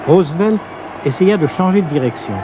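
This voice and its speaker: A man reading scripted historical documentary narration in a sober, measured way. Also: sits high, lively intonation, background noise.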